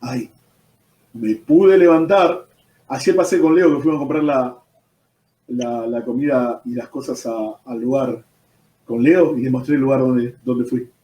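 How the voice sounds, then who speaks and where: A man's voice: medium pitch, fairly even intonation, unhurried, mellow. A man with an Argentine accent, a pastor giving his personal testimony in an interview, telling it as a story and dropping "¿viste?" as he goes. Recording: roomy echo, distant from the mic.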